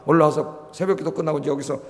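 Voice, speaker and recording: A slightly high, fairly even, somewhat mellow male voice races through a Friday prayer sermon. The middle-aged pastor challenges his flock with rhetorical questions and coaxes answers from them, while the church sanctuary adds a long hall reverb.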